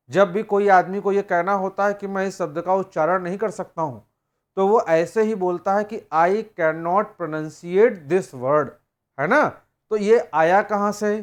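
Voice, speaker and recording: A man teaching grammar in a recorded lecture. He explains step by step and reads example sentences slowly, word by word. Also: high-pitched. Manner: slow, explanatory, reading English examples word by word.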